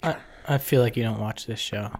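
A man in casual podcast chat, swearing often, talking in quick bursts with many restarts. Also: lowish voice, a little mellow. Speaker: podcast co-host. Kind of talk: casual chat, quoting game.

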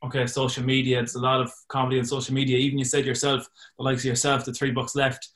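A man's voice: mid-range voice, monotone, quick pace, a bit bright. An Irish man aged twenty, hosting a podcast and asking questions in a casual interview style. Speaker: podcast host.

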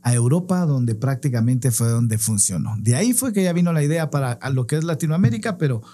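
A man's voice: mid-range voice, lively intonation, a little fast, mellow, faint music behind. A man co-hosting a podcast, speaking earnestly and closing with a short faith message. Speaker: co-host.

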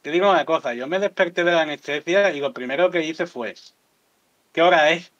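A man's voice: on the high side, fast, dry recording. Frank man telling stories. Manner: candid, vulgar, laughs at his own stories. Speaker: podcast guest. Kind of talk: casual storytelling chat. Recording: dull lo-fi dry sound.

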